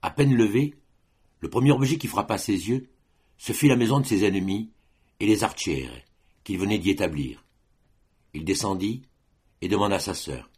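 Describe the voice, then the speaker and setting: Husky low-voiced male audiobook narrator. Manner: measured, even storytelling. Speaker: audiobook reader. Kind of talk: literary narration.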